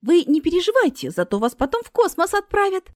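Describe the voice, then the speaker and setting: A woman's voice: extremely high pitch, very animated, a little fast, pushed and bright, no room sound, clean studio sound, pitched above the performer's own voice, full character voice. A woman voicing a cheerful, naive young female assistant who speaks eagerly.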